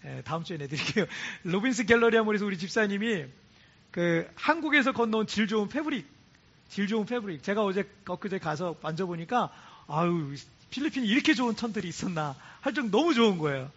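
A high-pitched male pastor from Korea delivers a chatty sermon, his voice bright and slightly husky. He swings up and down with lively intonation and keeps repeating phrases for emphasis. The church recording sounds dull and lo-fi. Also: fast. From South Korea. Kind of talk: sermon to a congregation. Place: church in Cebu.

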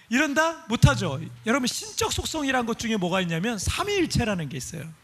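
A man with a very high, husky voice delivers a sermon to his congregation. His pitch rises and falls a lot as he throws rhetorical questions at them. He walks them through pictures on a screen as he explains. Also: sing-song, quick pace. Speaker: pastor.

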